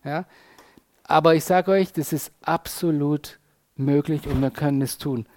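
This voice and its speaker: A man preaching a sermon in a casual, conversational way, often tagging his sentences with quick questions to the listeners. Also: on the high side, darkish tone.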